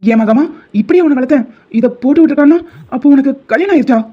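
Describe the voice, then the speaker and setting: Woman doing a stern cartoon dad, kinda high voice, fast, muffled lo-fi audio. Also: lightly acted. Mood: hurt, angry. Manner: stern, lecturing. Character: firm but fond middle-aged father. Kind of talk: Tamil cartoon dub. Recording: dull lo-fi sound.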